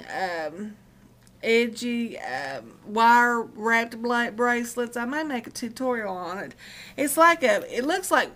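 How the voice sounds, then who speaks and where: A woman's voice: fairly high pitch, fairly bright tone. Middle-aged woman with an Appalachian accent, chatting. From Appalachian West Virginia, United States. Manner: folksy, colloquial, meandering. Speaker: vlogger. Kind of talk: casual rambling chat to viewers.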